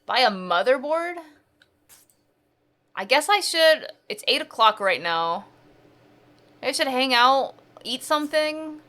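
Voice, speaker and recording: Bright-voiced woman streamer thinking aloud. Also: sits high, expressive, takes it slowly, long pauses. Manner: thinking aloud, chatty and self-questioning. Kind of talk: casual gameplay commentary.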